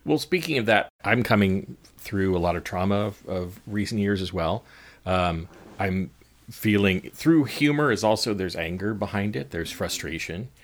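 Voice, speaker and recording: Male podcast host, low voice, reflective and halting with questions. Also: expressive. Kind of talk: podcast interview.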